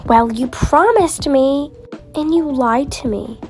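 A woman's voice: high-pitched, takes it slowly, a little mellow, faint music behind. A girl voicing a sulky young daughter who complains to her mother, in a toy-game role-play. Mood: whiny. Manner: whiny, complaining.

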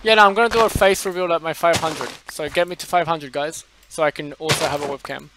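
A man's voice: a little high, quick pace, noisy background. A man hosting a casual gaming chat, teasing his guest in a dry way. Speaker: host gamer.

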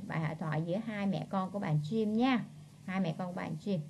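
A woman teaching English in a classroom lesson with a Southern Vietnamese accent. She repeats each word several times slowly and keeps checking in with her students in a coaxing, chatty way. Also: fairly low pitch, vocal fry, a little mellow, a little hiss or hum. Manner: drills words by slow repetition, coaxing chatty tag words.

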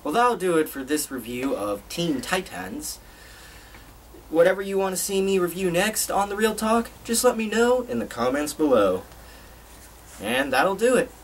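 A young video reviewer sits in a small bedroom talking to his webcam about TV, his delivery unhurried and loose, full of restarts. He has a high-pitched voice with big pitch swings, and faint music plays behind him.

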